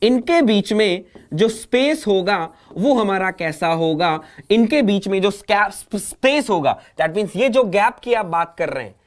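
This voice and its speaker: A man's voice: high voice, expressive, unhurried. A man teaching an exam coaching lecture. He asks the class a question, repeats it, answers it himself, and calls his students "child".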